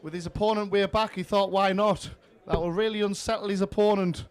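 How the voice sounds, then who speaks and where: A male sports commentator covering a darts match live. His voice is high for a man, and he speaks in punchy, admiring phrases. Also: fairly even intonation, fairly quick, smooth.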